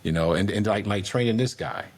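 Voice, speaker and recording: Talking a little fast in a lowish, gravelly, slightly rough voice, this middle-aged air traffic controller guests on a podcast. The interview is casual and conversational, and he rambles in a relaxed way, restarting often and using lots of fillers.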